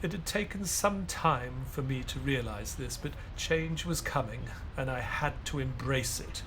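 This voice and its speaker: An actor playing Dr. Watson, an earnest Victorian gentleman doctor, in a measured, dramatic audio play style over background ambience. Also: medium pitch, noisy background, close to an everyday voice. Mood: sombre narration.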